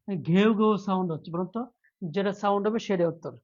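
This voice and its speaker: In a live online lesson, a man with a high, steady, somewhat dark voice fires off words rapidly, with the highs cut off in the audio. He playfully stages a mock plea before teaching, then quizzes his students with repeated questions and urges them to respond.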